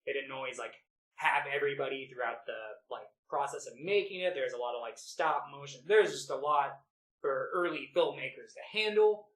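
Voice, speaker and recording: On a home-recorded movie podcast with a roomy, echoey sound, a male co-host talks enthusiastically about his favorite films, casual, rambling and sweary. He has a medium-pitched, slightly bright voice with lively intonation and normal speed.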